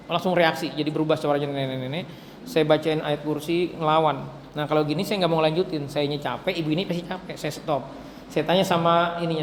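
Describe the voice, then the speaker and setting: A man's voice: on the high side, slight background noise. A man preaching a sermon, talking straight to the women listening and acting out the dialogue in his stories. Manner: chatty, addresses the women directly, acts out dialogue. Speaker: Islamic preacher. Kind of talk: casual sermon with acted-out stories. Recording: echoey hall with faint ambience.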